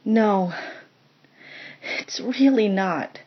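A wounded, furious wife, as a female reader puts her on, her words bitter and shaky as she accuses her partner. The voice climbs high with strain. The recording sounds dull and lo-fi. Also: very slow, breathy edge. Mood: hurt, angry. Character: hurt, angry woman confronting her wife.

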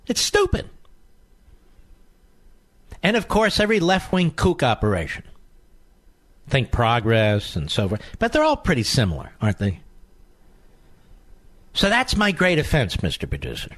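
A man's voice: on the high side, wildly swooping pitch, measured pace, long pauses, a bit bright. A man hosting a talk radio show, delivering an indignant, sarcastic monologue and taking calls. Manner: indignant, sarcastic, mocking opponents.

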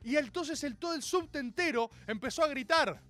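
A young man with a Rioplatense Argentine accent tells a stand-up story with mock-solemn grandeur, now and then shouting out the voices of the people in it. His voice sits very high for a man and climbs and falls in wide, lively swings. Faint music plays behind him. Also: moderate pace, dry recording. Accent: Rioplatense Spanish. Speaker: comedian.

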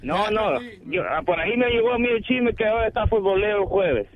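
High-voiced male caller, dull line. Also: lively intonation, fairly quick, crowd noise. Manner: joking, teasing. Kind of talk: call-in chat.

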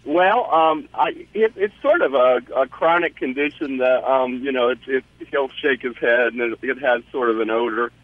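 A man, a truck driver, calls in to a radio show and talks haltingly, with many restarts. His voice arrives over a muffled, dull phone line at a middle pitch. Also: no room sound. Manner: hesitant, halting, laughs easily. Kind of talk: phone-in call.

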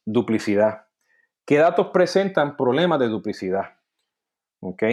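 A man talks through a topic in a teaching manner. His pitch sits in the middle of the usual range, and he keeps checking in with "ok?" and "no?" as he goes. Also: darkish tone. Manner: peppers sentences with "¿ok?" and "¿no?", restarts words. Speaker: data quality speaker. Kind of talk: explanatory talk.

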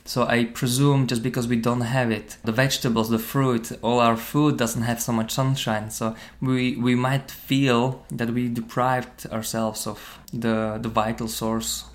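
A man from Slovakia recounts his path into fitness in English, his second language. He speaks at an ordinary mid pitch. His phrasing is non-native and thoughtful, full of fillers. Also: level tone, measured pace, hardly any pauses. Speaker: personal trainer. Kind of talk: interview storytelling.

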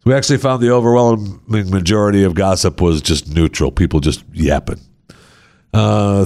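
A man's voice: on the low side, a little mellow. A man co-hosting a casual chat show, reading odd news stories aloud, laughing often and putting on mocking voices.

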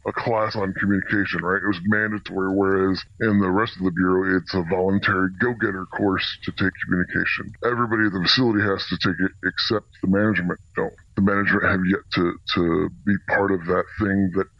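A man working as a corrections officer answers radio interview questions in a plain-spoken, halting way, his voice disguised to sound deeper. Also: level tone, no echo, highs cut off. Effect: voice disguised to protect anonymity, deepened. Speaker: corrections officer, senior officer specialist.

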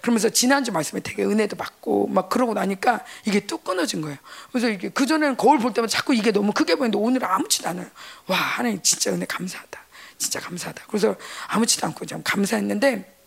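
A middle-aged woman, a pastor's wife, giving a chatty church testimony, animated and laughing as she acts out quoted voices. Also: mid-range voice, very fast, vocal fry, breathy edge.

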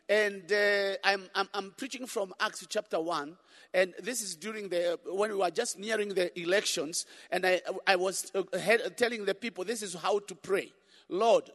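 A man's voice: sits high, sharp tone. A middle-aged or older man preaching a conference sermon, emphatic and repeating phrases for effect, in a large echoing hall. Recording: echoing hall with long reverb.

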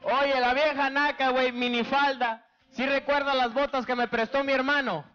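Stand-up comic, male, northern Mexican accent, very high voice, slangy crude storytelling. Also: level tone, normal speed, bright, forceful tone, clean tone, highs cut off. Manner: crude slangy storytelling, constant filler tag; acts out women in a higher squeal. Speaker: stand-up comedian. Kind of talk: stand-up comedy monologue.

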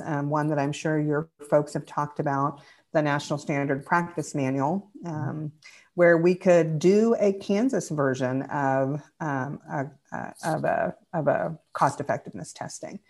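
A woman speaking as a guest on a podcast, explaining energy policy in a measured way with frequent ums and restarts. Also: sits low, steady tone, darkish tone. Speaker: clean energy advocate guest. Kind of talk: casual podcast interview.

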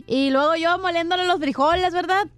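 A woman's voice: very high-pitched, brisk, dry recording, faint music behind. A woman co-hosting a radio comedy show, cheeky and slangy. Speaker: radio co-host. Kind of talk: joke telling and banter.

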